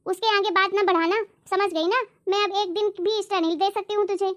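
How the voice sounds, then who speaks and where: An elder sister out of patience, lecturing and insistent in a homemade family drama. Her voice sits very high and stays sharp with reproach, as a woman acts her out. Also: steady tone, fairly quick. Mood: scolding. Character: fed-up elder sister demanding her money back. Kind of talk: acted family drama skit.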